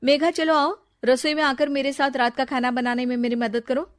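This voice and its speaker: A woman's voice: high-pitched, little pitch movement, a little fast, voice pushed up, natural voice. Woman doing a bossy scolding mother-in-law. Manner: scolding, loud and domineering. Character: bossy middle-aged mother-in-law, quick-tempered. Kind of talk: cartoon voice acting.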